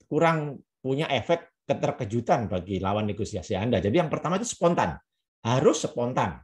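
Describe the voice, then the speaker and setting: Man, Indonesian accent, negotiation lesson, animated rising and falling pitch, mid-range voice, repeats key points. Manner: repeats key phrases, acts out surprised exclamations. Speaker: negotiation trainer. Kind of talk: explanatory lesson.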